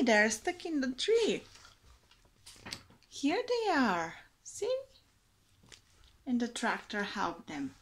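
A woman teacher in her forties slowly reads a picture book to small children, lingering on every word in an expressive storytime style. Her high voice swoops up and down in a lively sing-song lilt, recorded close up on a webcam in a small room.

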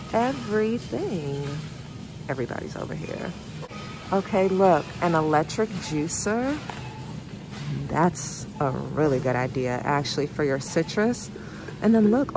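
A woman with a low voice, who is a vlogger and therapist, films a casual shop-with-me vlog on a handheld phone. She browses store aisles, chatting excitedly to viewers and calling them y'all.

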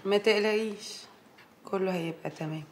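A woman's voice: mid-range voice, a little fast, roomy sound, slight background noise, close to an everyday voice. An actress playing a worried but reassuring woman friend, speaking insistently with an Egyptian accent. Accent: Egyptian Arabic.

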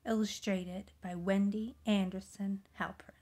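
Gentle woman reading a picture book aloud. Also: medium pitch, a little slow. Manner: gentle, expressive reading that drops into soft whispers. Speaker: storybook reader.

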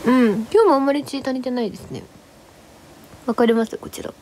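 A woman's voice: high-pitched, fairly quick, a little mellow, slight background noise. A young woman chatting casually on a livestream. She rambles about her day and greets viewers one by one. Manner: rambling, chatty, greets viewers, refers to herself in third person. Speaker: livestream host.

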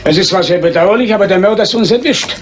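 Actor as Doctor Watson, high-voiced, fussy. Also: male voice, fast, lightly acted. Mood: affable. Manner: chatty, fussy, genial. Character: male doctor, detective's chatty, fussy, genial sidekick. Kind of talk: German radio crime drama acting. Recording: noisy old radio play recording.

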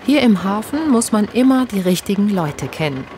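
A woman reading the scripted narration of a television documentary in a calm, even way. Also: mid-range voice, normal speed, background noise.

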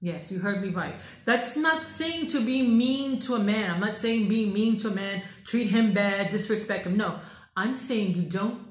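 A woman's voice: medium pitch, moderate pace. Emphatic American woman coaching in a roomy space. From United States. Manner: emphatic, preachy, repeats phrases for emphasis. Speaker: dating coach. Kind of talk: direct advice monologue. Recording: roomy echo.

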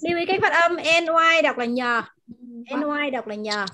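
A woman teacher in an online class, patiently explaining words and pronunciation and repeating them slowly over a video call. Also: sits high, lively intonation, sharp tone. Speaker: language teacher.

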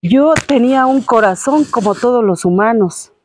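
Woman doing a sad gentle statue prince, soft and sorry, fairly high voice. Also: expressive, normal speed, no room sound, studio quality. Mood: sorrowful. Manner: soft, sorrowful storytelling.

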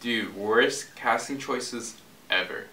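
Young guy in a student skit pushing back hard, bright voice, echoey room. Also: medium pitch, slow pace. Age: young adult. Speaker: student actor playing an auditioning actor. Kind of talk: amateur student skit acting. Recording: roomy, distant, faint noise.

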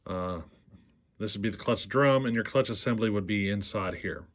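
A man's voice: fairly low pitch, moderate pace, slight background noise. A man in a workshop demonstrating a chainsaw repair, talking plainly and unhurriedly, often asking "see how". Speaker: chainsaw repair channel host. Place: workshop bench.

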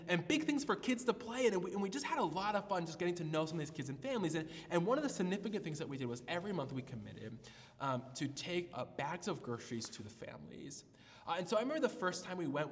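A male pastor delivering a storytelling sermon in a slightly high voice that swings up and down with animation. He stumbles over restarts and fillers as he goes. The sound carries a long reverb from a large hall. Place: church hall.

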